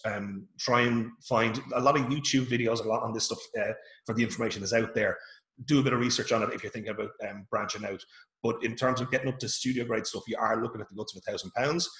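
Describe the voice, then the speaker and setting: A man's voice: medium pitch, a bit bright. Irish guy teaching a workshop on a video call from home, easygoing, lots of ums, bit of room echo. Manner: chatty and informal, many fillers and restarts. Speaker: workshop presenter. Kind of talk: casual online workshop talk.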